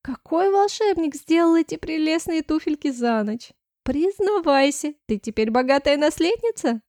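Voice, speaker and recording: This is a giddy, gushing young woman in a storybook, squealing and wheedling at her friend, as a woman reader puts her on. The voice sits high above the narrator's own and rings out loud, with a warm, mellow tone. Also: lively intonation, moderate pace, no room sound, clean studio sound. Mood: excited.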